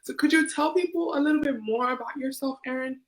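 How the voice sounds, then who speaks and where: A woman's voice: high-pitched, fast. A woman hosting an online talk show, upbeat and repeating her pleas for emphasis, on a video call. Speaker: host.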